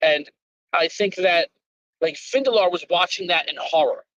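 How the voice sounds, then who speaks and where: A man's voice: sits high, normal speed, a bit bright, no room sound. A man taking part in a casual chat about a game over a car speakerphone while he drives. He thinks aloud and rambles. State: talking while driving. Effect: car speakerphone call. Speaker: tabletop game player. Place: in a moving car. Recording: dull lo-fi call audio, dropping in and out.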